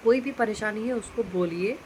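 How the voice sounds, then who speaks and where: A woman delivers a motivational talk on relationships in an earnest, chatty way. She keeps returning to the same points to drive them home. Her voice sits somewhat high, and a faint background hum runs under the recording. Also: moderate pace, low-quality recording. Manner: earnest, conversational, repeats points for emphasis. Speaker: relationship advice speaker.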